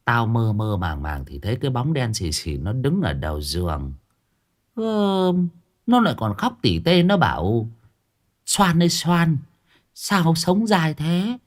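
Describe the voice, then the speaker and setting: A man's voice: medium pitch, sing-song, a little slow. A man putting on a swearing old woman. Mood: boastful. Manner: coarse, scornful, swearing boldly. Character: defiant foul-mouthed old village woman living alone.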